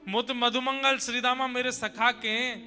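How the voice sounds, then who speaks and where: A man's voice: very high voice, flat delivery, a little slow, pushed and bright, pitched above the performer's own voice, exaggerated voice. A man voicing a mischievous young boy god who pleads and wheedles in a Braj accent. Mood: pleading. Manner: wheedling, whiny childlike pleading. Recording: long hall reverb with music.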